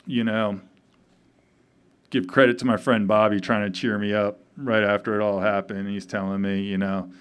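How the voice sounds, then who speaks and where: A man in his fifties, grieving, giving a halting memorial speech full of pauses and fillers at a tavern gathering. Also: fairly low pitch, flat delivery, smooth. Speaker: eulogy speaker. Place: tavern event.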